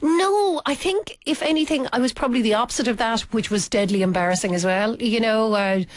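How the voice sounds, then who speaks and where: A woman's voice: fairly high pitch, fairly quick, no room sound. A woman in her late forties with an Irish accent, a guest author chatting in a radio studio interview, self-mocking and full of fillers and restarts. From Ireland. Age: 40s.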